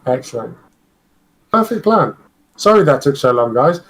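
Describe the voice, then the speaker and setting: A man's voice: mid-range voice, big pitch swings, moderate pace, a bit bright. A man chatting casually as a player in a tabletop role-playing game. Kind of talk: casual chat.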